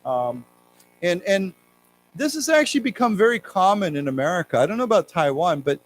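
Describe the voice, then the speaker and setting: Man teaching English vocabulary, slightly high voice. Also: very animated, slight background noise, low-quality recording. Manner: reads news aloud slowly, then explains and spells out words. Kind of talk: classroom lecture on news vocabulary. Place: library lecture room.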